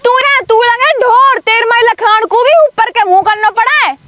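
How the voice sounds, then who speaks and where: A woman playing a sharp-tongued old village wife, scolding and threatening in a village comedy skit. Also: very high-pitched, no room sound. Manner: scolding, threatening, fast insults. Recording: loud background noise.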